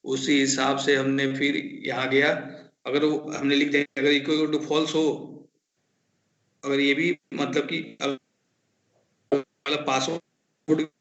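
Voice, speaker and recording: A male student haltingly explains his code to a teacher, repeatedly saying "matlab ki", while his voice cuts in and out on a choppy video call. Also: mid-range voice, little pitch movement, a bit bright. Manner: hesitant, repeats "matlab ki", addresses the teacher as sir. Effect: choppy, breaking-up video call audio. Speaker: student presenting code in an online class. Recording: dull, echoey video call audio.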